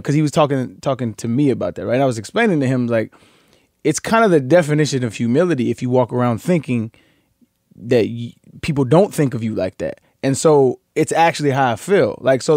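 A man in his thirties hosting a casual talk, speaking in a laid-back, reflective way that trails off into low mumbles. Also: lively intonation, a little fast, darkish tone, no room sound, studio quality. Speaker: podcast host. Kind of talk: casual conversation.

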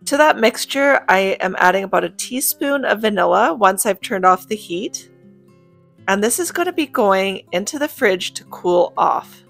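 A woman's voice: medium pitch, lively intonation, normal speed, vocal fry. Chatty woman narrating cooking. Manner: cheerful, chatty, addresses viewers directly. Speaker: homemaking vlogger. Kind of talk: cook-with-me voice-over narration. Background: soft guitar music.

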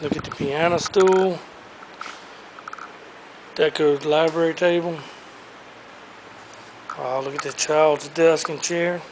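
A man tours a large indoor auction warehouse with his handheld camera, upbeat as he shows the items for sale. His voice is a little high with fairly even intonation, and he takes it slowly, pausing often. The background is noisy.

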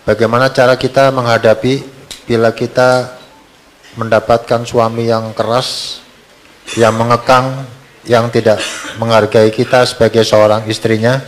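A man reading out audience questions to the preacher in a measured, formal manner. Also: medium pitch, a little hiss or hum, low-quality recording.

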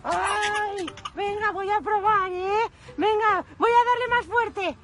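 A woman's voice: very high-pitched, takes it slowly, noisy background, exaggerated voice. A woman playing a cautious, indulgent daddy of toy babies, coaxing in an accent from Spain.

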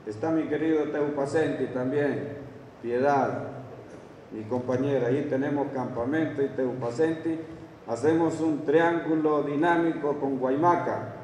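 A man's voice: mid-range voice, warm tone, a little hiss or hum. A man in his fifties with a Honduran accent gives a formal ceremonial speech at a lectern. He reads long lists of towns and names from a page and adds brief asides. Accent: Honduran Spanish. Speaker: official speaker at a graduation ceremony. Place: large indoor hall, at a lectern. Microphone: lectern microphone. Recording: echoey hall recorded from a distance.

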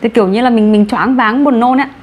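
A woman with a Vietnamese accent teaching English vocabulary in an online class, brisk and encouraging, mixing Vietnamese and English. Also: on the high side, a little hiss or hum.

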